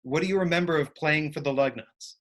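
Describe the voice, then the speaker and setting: A man interviewing a guest for a baseball team, asking clear, upbeat questions. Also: a little high, fairly quick.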